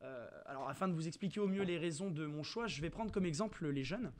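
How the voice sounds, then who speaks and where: A man's voice: on the high side, fast talker. A young man in his twenties making a prepared, formal argument to radio listeners in a student debate.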